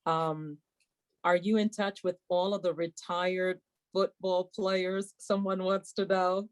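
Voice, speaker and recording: Woman, low pitch, webinar moderator, formal and courteous, live Q and A. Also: flat delivery, takes it slowly, smooth. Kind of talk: moderating a live question and answer session. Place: online webinar call.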